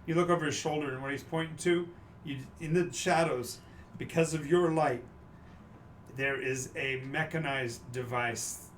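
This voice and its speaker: A man's voice: medium pitch, a bit bright. A man narrating a tabletop game as the game master. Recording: noisy room with ambience.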